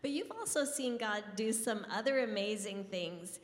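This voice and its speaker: A woman's voice: medium pitch, animated, moderate pace. A woman hosting a women's gathering, preaching with fervent, affirming repetition. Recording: echoey hall, long reverb.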